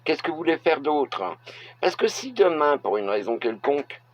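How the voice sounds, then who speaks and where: Husky-voiced blunt man. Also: on the high side, very animated. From France. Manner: blunt, halting with frequent filler hesitations. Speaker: vlogger. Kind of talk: opinion monologue to camera. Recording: dull lo-fi recording.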